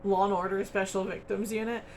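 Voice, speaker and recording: Chatty woman with a gravelly voice. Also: mid-range voice, level tone, brisk, a little mellow, slight background noise. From United States. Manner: chatty, rambling, with frequent ums and little laughs. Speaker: crochet channel host. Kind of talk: casual chat to camera.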